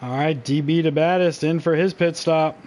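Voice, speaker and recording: A man doing live play-by-play commentary on a sim race, joking and switching quickly between calling the action and banter with his co-host. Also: a little high, steady tone, a little mellow.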